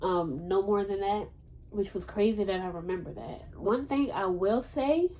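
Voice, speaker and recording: A woman with a mellow, soft-edged voice hosts her podcast as a casual, unscripted chat. She rambles from thought to thought, speaks bluntly and swears without a second thought. Her pitch sits in the middle range for a woman. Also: measured pace, poor audio. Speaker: podcast host.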